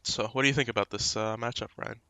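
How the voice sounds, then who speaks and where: A man casting a live esports match in a relaxed, chatty way. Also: on the low side, quick pace, clean tone, dry recording. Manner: relaxed, chatty, talks through a meal. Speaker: esports caster.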